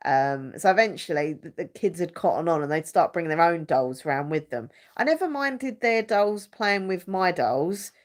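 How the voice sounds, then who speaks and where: On a live stream, a YouTuber with a stuffy nose chats and rambles in a voice on the low side. Her delivery is animated, at a moderate pace with few pauses, though she hunts for words and leans on plenty of fillers. She's a young woman hosting a casual live chat.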